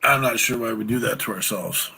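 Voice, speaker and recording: A man hosting a talk show, chatting reflectively and often pausing mid-sentence. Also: fairly low pitch, gravelly, sharp tone, slightly rough, rough recording. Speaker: show host.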